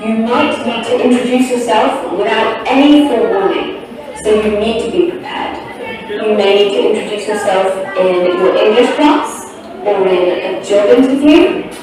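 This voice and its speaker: A woman presenting a scripted English video lesson with clear presenter delivery. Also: medium pitch, moderate pace, distant mic. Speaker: online English teacher. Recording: video played in an echoey room with music.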